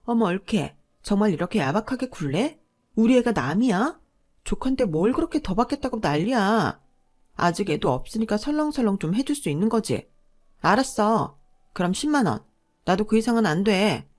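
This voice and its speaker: A woman voicing a pushy, greedy middle-aged sister-in-law who scolds and demands in a loud voice. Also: medium pitch, very animated, moderate pace. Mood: demanding.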